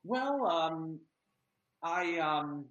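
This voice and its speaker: A man's voice: a little high, lively intonation, extremely slow, a bit bright, echoey room, highs cut off. A man from Pennsylvania talking as an actor in an interview, earnest and chatty with many ums. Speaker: actor and guest. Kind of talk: casual interview chat.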